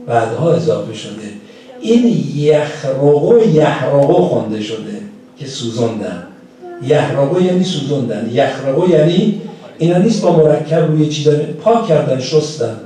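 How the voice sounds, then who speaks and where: A man's voice: on the high side, animated, dark tone. A man with a Persian accent giving a religious lecture in a community center hall, explaining points step by step and putting rhetorical questions to the audience. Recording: distant mic in a very echoey hall.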